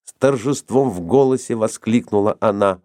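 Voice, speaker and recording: A man narrating a storybook in an expressive reading style, recorded close. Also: lowish voice, normal speed, no room sound. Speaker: audiobook narrator. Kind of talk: scripted narration.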